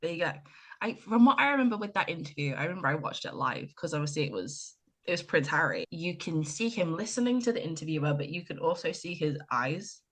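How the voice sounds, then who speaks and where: Irish woman podcaster, slightly low voice. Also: quick pace. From Ireland. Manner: animated storyteller, retells scenes with lively quoted voices. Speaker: podcast co-host. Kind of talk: casual chat.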